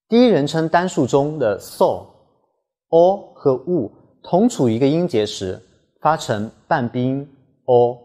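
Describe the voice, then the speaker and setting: A man teaching a language lesson in scripted narration, slowing down carefully to model pronunciation. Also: a little high, a little mellow.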